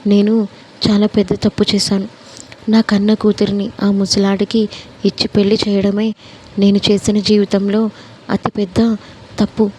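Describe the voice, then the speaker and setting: A woman's voice: medium pitch, little pitch movement, moderate pace, long pauses, warm tone, husky, close to an everyday voice, poor audio. Woman reading as a remorseful aging father. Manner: heavy, remorseful. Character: aging father full of regret.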